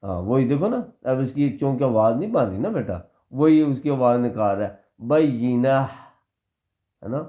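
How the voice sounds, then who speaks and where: A woman teaching Quran recitation in an online lesson, patiently drilling words and modelling them slowly for her students. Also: extremely low pitch, big pitch swings, narrow, tinny audio.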